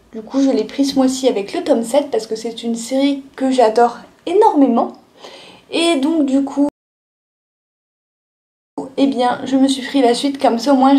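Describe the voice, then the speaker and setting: A woman's voice: sits high, warm tone. A young woman showing her monthly manga purchases in a casual haul video, chatting with frequent fillers and restarts. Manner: chatty, lots of "euh" and "du coup" fillers.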